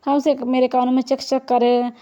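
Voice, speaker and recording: A woman voicing Rabab, a sharp-tongued, teasing young woman about to marry, in an audiobook reading. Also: sits high, flat delivery, normal speed, highs cut off, lightly acted. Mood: cheeky. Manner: cheeky, mocking.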